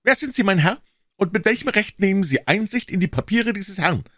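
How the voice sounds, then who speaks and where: A cantankerous old lord in an audiobook, his voice jumping far up into a shrill, whining register. He fires off demands in quick, sharp bursts. The sound is close and completely dry. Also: expressive, no echo. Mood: indignant, stingy. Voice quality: whining yet sharp, fast and insistent. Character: shrill, quarrelsome old stingy nobleman. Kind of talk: audiobook character voice.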